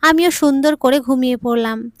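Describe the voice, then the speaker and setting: High-voiced woman storyteller. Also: normal speed, no echo, studio quality. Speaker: audio story narrator. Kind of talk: scripted storytelling narration.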